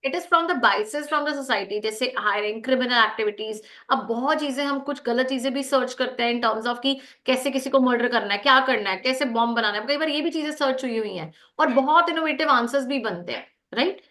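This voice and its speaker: Indian lady coaching a group discussion on a video call, high voice, switching hindi and english, kinda brisk. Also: bright, forceful tone. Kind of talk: feedback and lecture on an online call.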